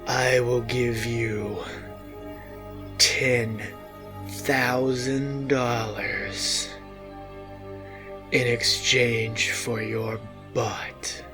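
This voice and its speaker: A man doing a slow, hushed, creepy stranger. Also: little pitch movement, music in the background. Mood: sinister, hushed. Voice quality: slow, low, hushed, drawn-out delivery. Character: creepy male alley stranger who buys butts.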